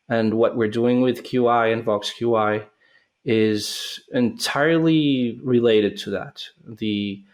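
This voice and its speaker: Thoughtful Colombian-born male founder. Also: medium pitch. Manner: thoughtful, with hesitations and restarts. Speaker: startup founder, guest. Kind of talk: interview answers.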